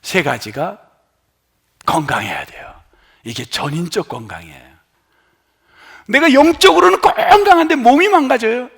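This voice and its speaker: Animated high-voiced male pastor preaching. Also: normal speed, vocal fry, breathy edge. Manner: animated, swings from loud emphatic lines to hushed near-whispers; asks the congregation questions and has them try words aloud. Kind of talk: sermon.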